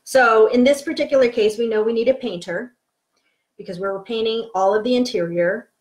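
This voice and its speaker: A woman's voice: a little high, moderate pace, a little mellow. Frank, chatty woman teaching renovation. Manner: frank, chatty, emphatic, with frequent ums. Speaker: home renovation coach. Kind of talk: casual live-video teaching. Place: home office, indoors.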